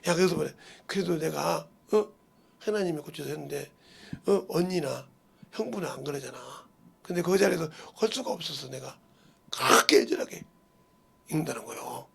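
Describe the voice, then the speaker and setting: A middle-aged male pastor preaching a sermon full of stories, dropping to hushed murmurs and rising to loud cries as he voices relatives. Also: a little high, normal speed, gravelly, breathy edge.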